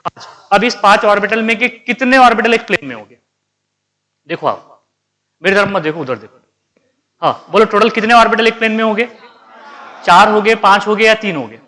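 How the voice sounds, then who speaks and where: A male chemistry teacher lectures his class in a high-pitched, animated, bright, and forceful voice, speaking fairly quickly but with long pauses. He quizzes the students, answers his own questions, and scolds those not paying attention.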